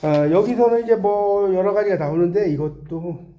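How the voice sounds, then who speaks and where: Male tutor, high dark voice, animated exam-prep teaching, echoey room. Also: normal speed, slight background noise. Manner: animated, repeats himself, corrects his own slips.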